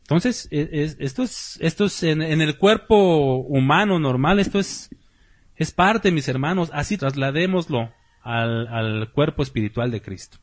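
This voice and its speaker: A man's voice: fairly high pitch, unhurried. A man preaching a sermon as pastor, talking conversationally and asking the congregation rhetorical questions.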